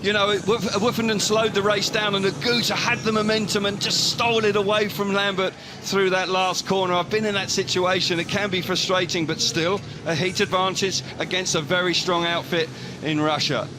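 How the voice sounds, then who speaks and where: A man giving expert live motorsport commentary with an animated, emphatic delivery. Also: high-pitched, normal speed, background noise. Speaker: expert co-commentator, former rider.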